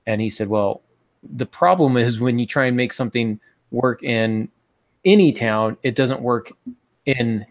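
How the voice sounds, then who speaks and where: In studio-quality sound with no echo, an unhurried mid-range male voice hosts a writing podcast. The speaker, a writing teacher in his forties, chats in a relaxed, lightly joking manner from his small home office.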